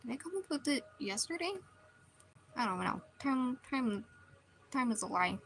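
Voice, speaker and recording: A woman's voice: on the high side, expressive, moderate pace, vocal fry, fairly bright tone, a little hiss or hum, rough recording. A woman streamer chatting casually while she draws, rambling and restarting her sentences often. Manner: rambling, meandering, many restarts.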